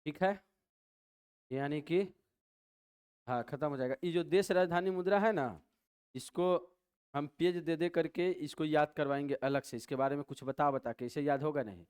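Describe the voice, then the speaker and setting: A man's voice: fairly high pitch, normal speed, pauses often, a little mellow, clear, resonant tone. A man with a Bihari Hindi accent teaching a coaching class lecture, asking questions and answering them himself in repeated drills. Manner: repetitive call-and-response drilling.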